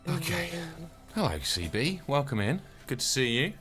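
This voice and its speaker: A man's voice: a little high, big pitch swings, moderate pace, over loud music. A man chatting casually and self-deprecatingly as game master of a streamed tabletop game.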